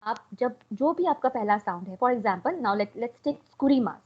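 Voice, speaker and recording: Slow, patient Indian woman teacher. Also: fairly high pitch, animated, husky. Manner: mixes Hindi and English, coaxes students to answer. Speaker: Japanese language teacher. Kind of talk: online class lecture. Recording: dull lo-fi online call audio.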